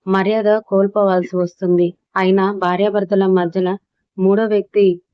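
A woman narrator reading the lines of a hurt, furious young wife in a storybook drama, delivered in a flat tone. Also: mid-range voice, moderate pace, clear, resonant tone, no room sound, lo-fi sound, natural voice. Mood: angry. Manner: shouting angrily.

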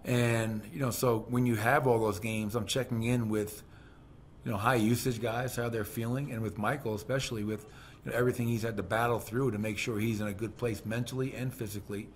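A middle-aged basketball head coach, average in pitch, takes post-game questions from a press-room table using a desk microphone on a stand. His tone is steady and brisk, candid and conversational, with plenty of fillers and restarts. A faint hiss lies beneath the recording.

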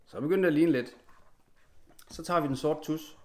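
A man in his thirties teaching a live online drawing lesson from home, calmly narrating each stroke as he draws. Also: on the high side, a little hiss or hum.

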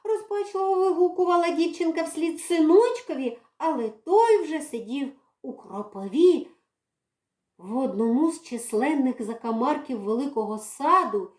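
A woman reads a children's story aloud with a bright, high voice and plenty of drama in her delivery. The sound is roomy and echoey, as if recorded in a library hall. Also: unhurried. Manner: expressive, dramatic reading. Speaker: reader. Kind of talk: storybook narration. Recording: echoey room.

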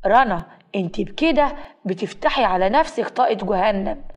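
A woman in Egyptian Arabic voicing a stern, quick-tempered young husband who talks in curt threats, in a storybook tale. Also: mid-range voice, animated, lo-fi sound, close to an everyday voice.

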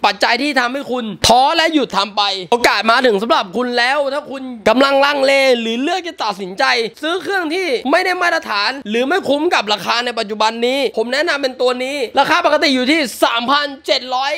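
High-pitched, bright-voiced man selling a product. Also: expressive, fast talker, few pauses. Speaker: product seller. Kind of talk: scripted promotional voice-over.

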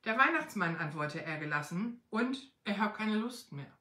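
A woman voicing a relaxed, cheerful, slim Father Christmas who wants a holiday, in an echoey room. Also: medium pitch, normal speed. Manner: easygoing, cheerful.

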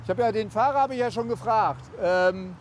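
A police officer checking a van, asking brisk, matter-of-fact questions outdoors by a vehicle. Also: male voice, sits high. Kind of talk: checking a van at a roadside control. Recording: outdoor field recording with crowd noise.

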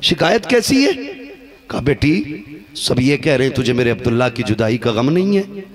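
A man preaching a sermon who acts out the story voices, dropping to hushed lows and rising to shouted peaks. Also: expressive, a little fast. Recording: live crowd behind the voice. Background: crowd responding.

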